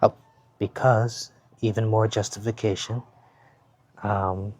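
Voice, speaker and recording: A man giving a casual show-and-tell of sports jerseys at home, talking in an unhurried, halting way and repeating words. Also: on the low side, level tone, darkish tone. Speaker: jersey reviewer. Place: home, with his baby nearby.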